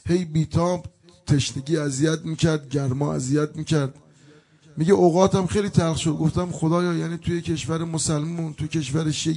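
A man's voice: a little high, creaky, mellow, husky. A male preacher delivering a mourning sermon, telling a story with emotion and breaking into plaintive chanted elegy.

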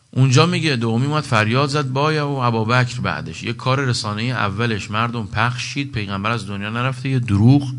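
A low-pitched male preacher delivering a sermon. He recites Arabic quotations and explains each one, and his voice lifts sharply when he drives a point home. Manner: emphatic, rising to a higher pitch on key points. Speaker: religious preacher.

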